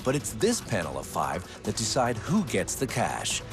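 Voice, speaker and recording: A man delivering trailer narration in a dramatic, drawn-out way. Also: fairly low pitch, huge pitch swings. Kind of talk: trailer voice-over. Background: music.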